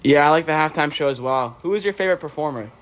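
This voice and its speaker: A teenage boy interviewing classmates and chatting about sports in a rapid, filler-heavy way. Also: on the high side, a bit bright. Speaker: student interviewer. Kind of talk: casual sports chat.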